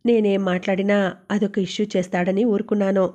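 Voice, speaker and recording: A woman voicing a gentle, wistful young working woman talking with her roommate and father. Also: mid-range voice, flat delivery, fairly quick, natural voice.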